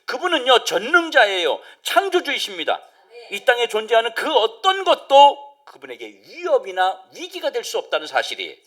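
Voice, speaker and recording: Male pastor, sermon, high and very lively pitch, acts out crowd voices, swings loud to hushed. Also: moderate pace. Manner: animated, acts out crowd voices, drops to near-whisper. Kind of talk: Wednesday service sermon.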